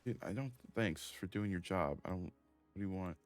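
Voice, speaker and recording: A man streaming a video game, talking casually in a profane, excitable, exasperated way. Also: low voice, a little fast, soft background music. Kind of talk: casual gaming commentary.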